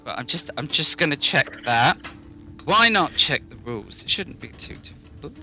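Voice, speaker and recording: A man's voice: a little high, very animated, moderate pace, pushed and bright. A man casually narrating and refereeing a tabletop game, often thinking aloud. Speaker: game master.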